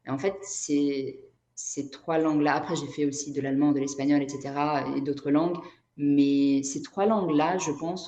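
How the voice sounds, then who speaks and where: A woman from Brazil, native in Portuguese, appears as an interview guest who works as an energy therapist and writer. Speaking reflectively in a low, dark-toned voice, she often searches for words. The audio is dull, and the room echoes.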